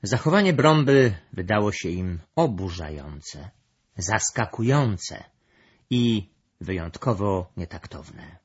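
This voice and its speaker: A man reading a storybook aloud in a gentle narrating manner, in a dull lo-fi recording. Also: low voice, animated, slow, breathy edge.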